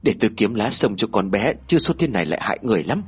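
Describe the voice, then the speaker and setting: A man voicing a gentle, sorrowful old mother-in-law who speaks in a slow, sighing murmur. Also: lowish voice, sing-song, vocal fry, slightly rough, voice pushed down, heavily acted.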